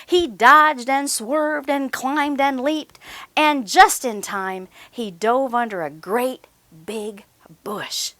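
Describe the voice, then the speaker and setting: A woman with a high, pushed, bright voice speaks slowly in a dry recording. She's hosting a children's story time, reading aloud and chatting encouragingly, asking young listeners simple questions.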